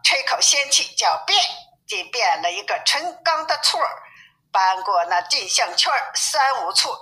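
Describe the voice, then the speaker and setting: A woman reading a classic novel aloud as a storyteller, in steady, even narration, with a tinny phone-like sound. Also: medium pitch.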